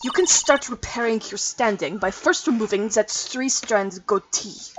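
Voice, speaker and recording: A woman's voice: fairly high pitch, unhurried, recorded from a distance, background noise, lightly acted. A woman voicing a haughty, scornful young female prosecutor with a put-on German accent. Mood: commanding. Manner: cold, scornful, commanding.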